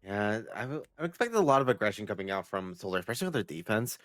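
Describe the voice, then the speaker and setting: Low-voiced young male analyst caster. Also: fast, no room sound, studio quality. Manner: steady analytical play breakdown, teasing co-caster. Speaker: esports caster. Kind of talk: live esports commentary.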